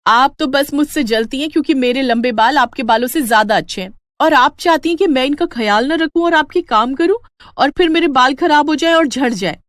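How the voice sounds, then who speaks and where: Woman doing a shrill, vain young daughter-in-law. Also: animated, a little fast, no room sound, studio quality, close to an everyday voice. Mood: angry. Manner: whiny, shrill and high.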